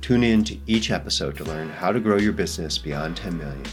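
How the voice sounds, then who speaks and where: A man's voice: low-pitched, brisk, faint music behind. A man hosting a podcast, reading the show intro and asking upbeat, rambling questions that he corrects as he goes. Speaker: podcast host.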